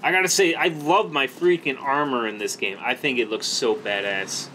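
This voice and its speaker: A man's voice: medium pitch, normal speed, bright, forceful tone, low-quality recording. A man hosting a gaming video, giving casual, slangy and enthusiastic commentary over his gameplay. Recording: background noise under the voice.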